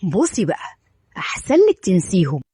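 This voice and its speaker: A woman's voice: on the low side, huge pitch swings, moderate pace, mellow, breathy edge, no echo, studio quality, exaggerated voice. A woman with an Egyptian accent voicing a cold, domineering young man in a storybook reading, curt and detached.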